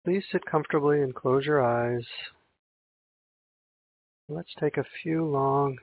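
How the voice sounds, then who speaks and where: A man guides a meditation in the unhurried, soothing manner of a sleep story narrator. His mid-pitched voice is gravelly and a little raspy, with long pauses between phrases. The recording is narrow and phone-like. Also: slight background noise. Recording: muffled, phone-like narrow sound.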